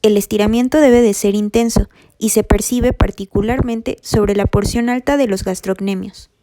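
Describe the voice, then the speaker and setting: A woman giving a scripted, methodical narration for a rehabilitation lesson, reading anatomy terms in an even voice-over. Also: mid-range voice, moderate pace. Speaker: rehabilitation instructor.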